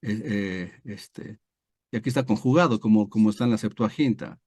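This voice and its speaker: A pastor teaching a Bible study over a video call, explaining step by step with many fillers and tag questions. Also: male voice, lowish voice, normal speed, a little mellow, dry recording. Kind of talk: online screen-share Bible lesson.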